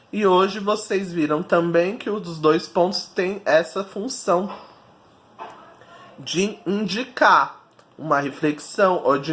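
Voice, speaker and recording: A man's voice: fairly high pitch, a bit bright, a little hiss or hum. A man, a teacher giving a recorded video lesson and patiently explaining each step to children.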